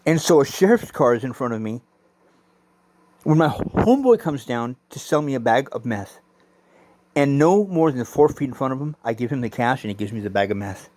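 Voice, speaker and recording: A man's voice: medium pitch, expressive, moderate pace, darkish tone, a little hiss or hum. A middle-aged man telling personal stories in a rambling, profane, intense monologue, arguing back and forth with himself. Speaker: vlogger.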